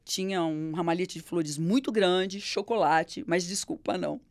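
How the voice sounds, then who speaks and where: A middle-aged Brazilian Portuguese woman telling stories in an interview, animated and acting out the voices of the people she quotes. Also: fairly low pitch, normal speed, no room sound. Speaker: interview guest. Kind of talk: storytelling in an interview.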